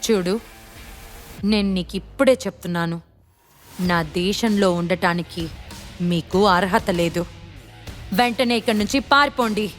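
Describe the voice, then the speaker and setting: A woman voicing a quiet, furious male hero who speaks low and seriously in a storybook audio drama. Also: moderate pace, pauses often, faint music behind, close to an everyday voice. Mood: grim anger.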